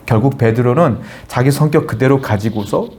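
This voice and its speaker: Korean pastor preaching an earnest sermon. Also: male voice, mid-range voice, normal speed, a little mellow. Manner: earnest preaching, asks the congregation questions and answers them; reads scripture aloud and acts out quoted lines.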